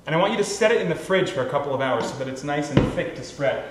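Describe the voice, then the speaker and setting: High-voiced playful cooking show host. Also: male voice, lively intonation, quick pace, very echoey, background noise. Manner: chatty, playful and upbeat, addressing viewers directly. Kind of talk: scripted cooking demonstration. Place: kitchen.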